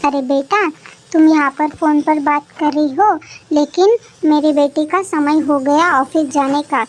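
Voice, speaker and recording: A patient older mother-in-law who speaks softly and soothingly, as a woman puts her on. The voice is very high. It sounds like a cartoon storybook. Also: a little slow, slight background noise. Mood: gentle. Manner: soft and soothing.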